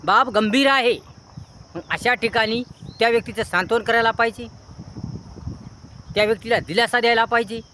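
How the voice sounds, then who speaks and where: A man with a fairly high voice delivers an earnest moral lecture. He piles up near-synonyms in long repetitive chains. Clear outdoor noise from a rural setting runs under his voice. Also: normal speed, long pauses, bright, forceful tone. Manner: earnest, preachy. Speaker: motivational speaker. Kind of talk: moral advice monologue.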